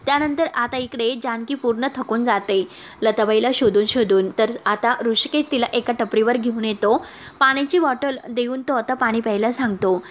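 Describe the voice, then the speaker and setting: A woman with a high voice narrates a voice-over recap of a serial episode. She moves scene by scene and reads out each character's lines in turn, in a steady storytelling way. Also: moderate pace.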